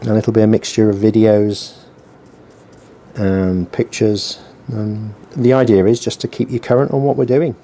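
A man speaks a little slowly in a low, dark voice with fairly even intonation. As a small business owner blogging his work, he rambles casually through a workshop vlog, dryly mocking himself while busy at his bench. There's a heater running, and his mic is placed on the bench below him.

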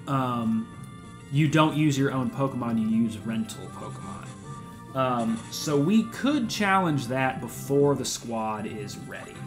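Laid-back rambling male game streamer. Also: medium pitch. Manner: rambling, laid-back, frequent "um" and slang like "dude" and "man". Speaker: let's play streamer. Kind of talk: casual gameplay commentary.

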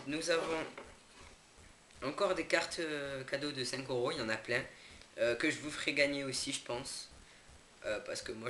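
A young man casually unboxing products for his channel, hesitant with many fillers and self-corrections, indoors away from home. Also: mid-range voice. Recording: echoey room, noisy background. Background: crinkling packaging and clicks.

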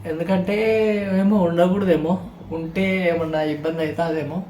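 A man gives an emotional farewell vlog, speaking in a tearful, halting way. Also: on the high side, steady tone, mellow, reverberant, a little hiss or hum. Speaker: vlogger.

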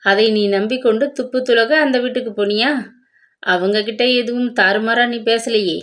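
A woman's voice: on the high side, steady tone, moderate pace, close to an everyday voice. A woman voicing a stern, indignant young husband who reproaches his wife. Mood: reproachful. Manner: reproachful, earnest.

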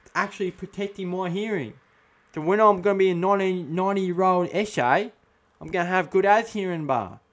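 A man's voice: high voice, fairly quick, a bit bright. A young man in his twenties with an Australian accent, playing a cocky, combative eshay lout in comedic commentary full of eshay slang. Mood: defiant, cocky. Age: 20s. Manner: eshay slang, tacks 'bah' onto sentences. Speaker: comedy host reacting to a chatbot. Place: small room at home, indoors. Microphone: close studio mic on boom arm.

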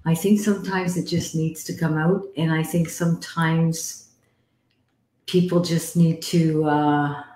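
Low mellow voiced lady in her 50s, swears a lot, motherly, kinda echoey room. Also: little pitch movement, measured pace. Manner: blunt and sweary, motherly, calls guest sweetie. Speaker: psychic medium hosting a live stream. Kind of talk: casual live-stream chat. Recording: roomy echo.

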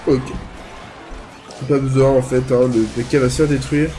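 A young man who is a gaming YouTuber commentates his own mobile gameplay casually, chatting and thinking aloud as he plays. A cold has him congested, so he talks through his nose in a nasal way. His voice is mid-range and mellow, with a flat delivery at normal speed.

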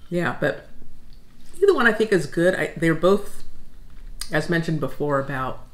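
A woman's voice: sits low, animated, moderate pace. Chatty middle-aged woman in an echoey room. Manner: chatty, reflective, recalls details. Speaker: food channel co-host. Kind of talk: casual taste-test chat. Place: dining room at home, seated at a table.

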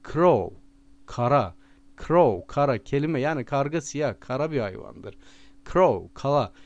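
A man with a Turkish accent teaching vocabulary with memory tricks, repeating each word slowly and stressing it. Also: medium pitch, expressive, a little mellow, dry recording, muffled recording. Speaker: language teacher.

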